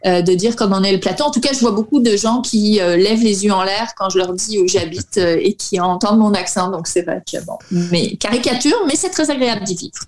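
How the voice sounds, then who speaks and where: A French woman in her forties answering podcast interview questions, pausing often with fillers. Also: medium pitch, darkish tone. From France. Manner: hesitant, many fillers. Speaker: guest.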